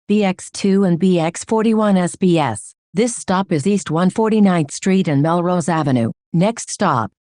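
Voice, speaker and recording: A woman's voice giving automated bus stop announcements, reading street names and transfers in a measured, even, formal way. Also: lowish voice, dry recording, clean studio sound.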